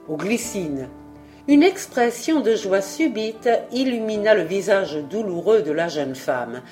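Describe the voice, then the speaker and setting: Woman narrating a novel, steady measured reading, mid pitch, soft music underneath. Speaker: audiobook narrator. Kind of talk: scripted narration.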